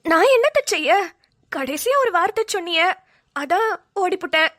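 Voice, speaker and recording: High tearful woman voicing a cartoon. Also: expressive, moderate pace, fairly bright tone. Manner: tearful, pleading, rural dialect. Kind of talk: melodramatic cartoon voice acting.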